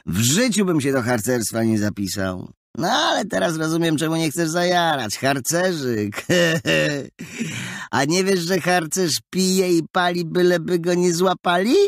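A man voicing a loud, mocking teenage boy bully in an audiobook, with jeering sing-song taunts. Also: on the high side, animated, measured pace, no echo, voice pushed up.

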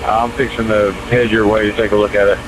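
A man's voice: fairly low pitch, level tone, brisk. A man who is a firefighter, giving informal, matter-of-fact reports from the scene by emergency radio. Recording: noisy fireground radio with engine hum.

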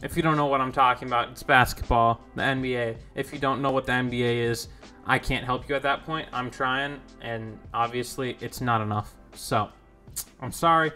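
A man's voice: mid-range voice, fairly even intonation, moderate pace, bright, forceful tone, soft background music. A young man giving rambling, casual commentary over his own gameplay, easily confused and self-deprecating. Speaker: gaming YouTuber.

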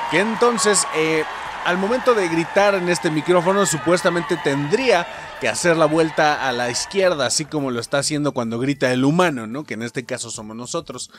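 A young man commentating a video game, shouting, laughing and swearing as he plays. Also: a little high, brisk, noisy background. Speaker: gaming youtuber. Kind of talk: excited gameplay commentary. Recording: game music behind the voice.

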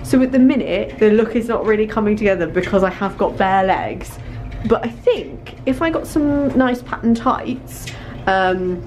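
Faint music plays behind a young British fashion vlogger chatting to her handheld camera in a small store fitting room, where she tries on clothes and repeats words for emphasis. Her mid-range voice is expressive and a little mellow, at a moderate pace with few pauses.

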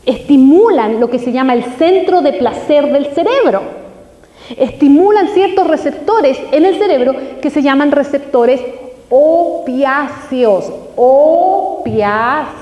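A woman giving a live health talk to an audience, asking it many quick questions. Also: sits high, lively intonation, dark tone. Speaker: health speaker. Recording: echoey hall.

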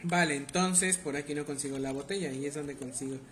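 A young man with a Mexican Spanish accent rambles through a live game stream, teasing his chat with crude banter. His voice sits a little high and comes across bright and forceful. A faint background hiss runs under the talk. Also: a little fast. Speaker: livestreamer. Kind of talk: casual live gameplay commentary.

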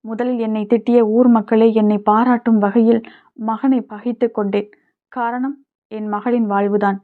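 A woman's voice: on the high side, fairly even intonation, normal speed, natural voice. A woman voicing a grieving, strong-willed older widowed mother in an audiobook, speaking emotionally. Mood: anguished. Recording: tinny phone-like sound.

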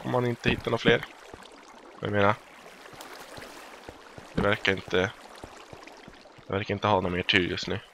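A Swedish let's play gamer gives playful, casual commentary in a fairly low, gravelly voice with a steady yet sharp tone, pausing often over slight background noise. He frequently exclaims and improvises silly, made-up songs.

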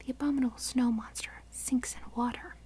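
A woman's voice: high voice, fairly even intonation, fairly quick, warm tone, close to an everyday voice. A woman whispering the lines of a good-hearted male prospector in a storybook reading. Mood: eager.

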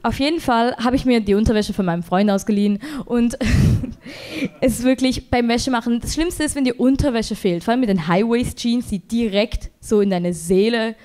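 A young woman performing a rambling, self-deprecating stand-up set on a comedy club stage. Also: warm tone. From Switzerland. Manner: rambling, self-deprecating, quick jumps in pitch when exasperated.

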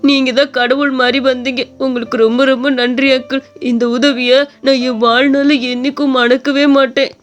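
A woman's voice: high voice, level tone, normal speed, soft background music, close to an everyday voice. A woman voicing a poor, hungry young boy who speaks in a pleading, grateful, tearful way.

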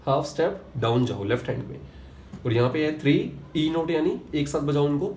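A man's voice: fairly high pitch, fairly quick, heavy background noise. A young man from India, teaching piano, counting beats aloud and explaining step by step, mixing terms into his talk. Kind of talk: spoken piano lesson. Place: room with a piano. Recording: echoey room with piano playing.

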